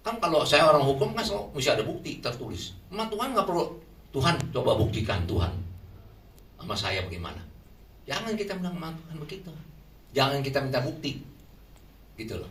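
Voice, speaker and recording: A man preaching a sermon in a lively way, often putting questions to the congregation. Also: fairly high pitch, a little fast, long pauses. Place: shelter hall. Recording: echoey room from far off, faint noise.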